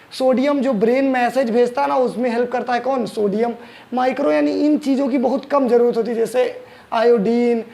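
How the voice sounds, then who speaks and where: High-voiced male exam-prep science teacher. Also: gravelly, a little mellow. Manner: asks the class questions and answers them himself; explains step by step, repeating key terms.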